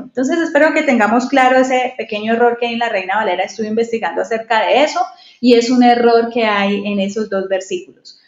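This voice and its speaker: A woman giving a devotional Bible study, reading verses and explaining them with many rhetorical questions. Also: a little high. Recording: echoey, dull lo-fi recording.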